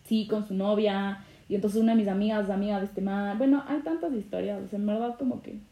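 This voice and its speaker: A young woman talks casually and rambles with hesitations. Her voice is mellow and warm. The sound comes from an echoey room. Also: medium pitch, fairly quick. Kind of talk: casual chat.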